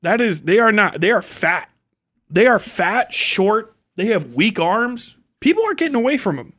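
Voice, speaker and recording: Here a man with a high voice talks at normal speed, hosting a livestream with an unscripted, casual monologue. The delivery is animated, blunt, slangy and profane, with imagined dialogue acted out along the way.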